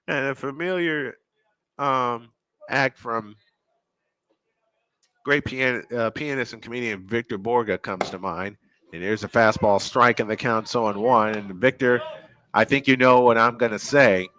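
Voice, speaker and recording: Bright-voiced baseball play-by-play man. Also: mid-range voice, unhurried, pauses often, no room sound. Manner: chatty, jokey, old-school delivery. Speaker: play-by-play announcer. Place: high school ballpark.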